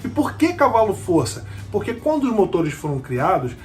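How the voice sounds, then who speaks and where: Guy teaching english, kinda high voice, repeats stuff slow and asks "got it?", soft music behind. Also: sing-song. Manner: patient, repeats key words slowly, asks checking questions. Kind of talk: explanatory language lesson.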